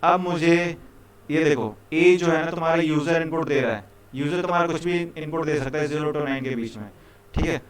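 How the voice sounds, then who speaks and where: A man from India leads a live programming lesson in a classroom, speaking to his students in a loose, friendly, chatty way. He keeps checking in with them as he goes, and his voice sits a little on the high side. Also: fairly quick. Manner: casual, repeats "ठीक है" and "भाई", coaxing students. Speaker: programming teacher.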